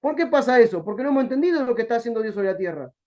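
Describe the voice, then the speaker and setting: Rioplatense pastor preaching over a call. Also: male voice, very high-pitched, racing. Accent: Rioplatense Spanish. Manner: colloquial and lively, acting out bits of dialogue. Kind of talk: Bible study sermon. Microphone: video call. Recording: dull lo-fi video call audio.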